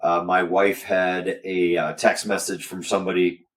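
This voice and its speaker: A man chatting casually as he recounts things, halting and rambling, often trailing off mid-sentence. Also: low-pitched, level tone, a bit bright, recorded from a distance. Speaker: guest, business owner recounting an incident.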